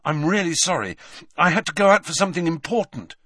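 A man's voice: fairly high pitch, lively intonation, fairly quick, pushed and bright, slightly rough, dry recording, clean studio sound, pitched above the performer's own voice, full character voice. A man voicing an eager, earnest teenage schoolboy wizard who talks urgently.

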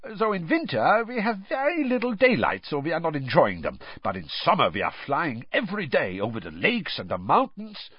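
A man's voice: fairly high pitch, very animated, moderate pace, hardly any pauses, slightly rough, no echo, highs cut off, pitched above the performer's own voice. A man voicing an earnest young male athlete who talks eagerly in stiff, formal phrases. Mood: enthusiastic.

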